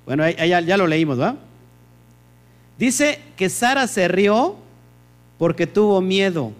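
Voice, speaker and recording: A man's voice: high-pitched, lively intonation, unhurried. A man teaches a Bible study group, firing questions at his listeners and answering them himself.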